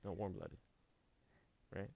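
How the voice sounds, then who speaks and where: A man co-hosting a casual podcast chat, teasing his friend with deadpan wisecracks. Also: slow pace, no room sound. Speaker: podcast co-host.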